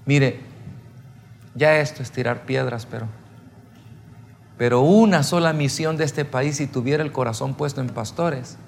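A man's voice: mid-range voice, measured pace, vocal fry, pauses often. A man preaching at a seminar, telling his testimony with emotion and calling the listeners brothers. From El Salvador. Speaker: pastor. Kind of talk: sermon testimony. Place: church or seminar hall.

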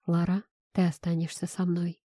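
A woman reading the part of a brooding, possessive young man who talks in a low, purring, menacing way. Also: completely flat delivery, normal speed, warm tone, no echo, clean studio sound, close to an everyday voice. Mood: commanding.

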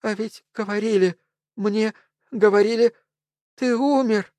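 A man reading an audiobook, voicing an agitated, unstable woman holding a gun, in shrill emotional outbursts. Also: steady tone, a little slow, a little mellow, no room sound, studio quality.

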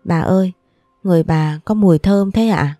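A woman voicing a gentle, affectionate little boy in a storybook reading. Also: on the low side, normal speed, no room sound, clean studio sound, faint music behind, natural voice. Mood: sweet, curious.

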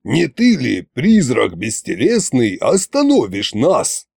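A weary, bony sorcerer, as a man voices him drawls every line slowly and calmly, his tone sitting a little low. The storybook voice is recorded close with no room sound. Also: vocal fry, breathy edge, no room sound, exaggerated voice. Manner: tired, calm drawl.

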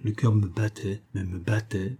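A man narrates a literary story at a measured pace. His voice is low and husky, with a dark, mellow color. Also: level tone. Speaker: audiobook reader.

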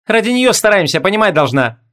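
A man's voice: high voice, big pitch swings, a little fast, a bit bright, pitched above the performer's own voice. Man doing a cheerful young marquise. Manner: playful, mischievous.

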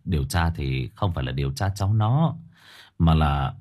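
A man voicing a polite young police officer who calmly placates the family. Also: extremely low pitch, normal speed, voice pushed down. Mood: placating.

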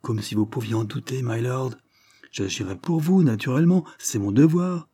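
A man reading aloud voices a cautious, deferential country lawyer who speaks politely and in measured terms. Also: mid-range voice, mellow, slightly rough, no room sound, voice pushed up. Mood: reassuring.

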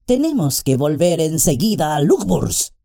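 A man's voice: fairly high pitch, big pitch swings, measured pace, creaky, voice pushed up, heavily acted. A man doing a sneering, sweet-voiced orc schemer. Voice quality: softer, sweeter than the others. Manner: sneering, mocking. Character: sly, malevolent male orc messenger, mocking. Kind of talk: audiobook character voice.

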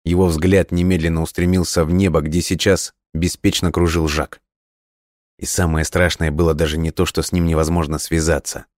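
A man narrating an audiobook in a steady storytelling read. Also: low voice, moderate pace, no room sound, clean studio sound.

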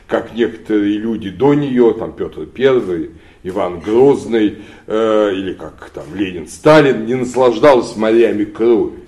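A man giving an unscripted history lecture, often pausing with drawn-out fillers and pressing on key words with rising emphasis. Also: lowish voice, a little mellow. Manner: hesitant, many drawn-out "uh" fillers, emphatic rises.

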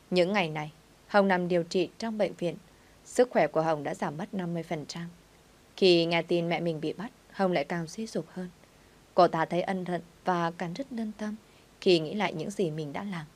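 Woman reading a first-person story. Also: on the low side.

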